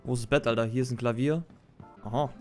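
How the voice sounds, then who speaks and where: A man's voice: medium pitch, steady tone, quick pace, a little mellow. A young man commenting on a horror game as a streamer, slangy and jumpy, yelping when startled. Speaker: let's play streamer. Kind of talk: casual gameplay commentary. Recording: game audio with music.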